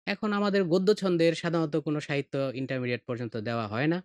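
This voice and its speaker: A middle-aged man with a Bangladeshi Bengali accent, teaching poetry meter on a podcast in a slow, patient way and reciting verses with feeling. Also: fairly high pitch, animated, no echo. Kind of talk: explanatory lesson podcast.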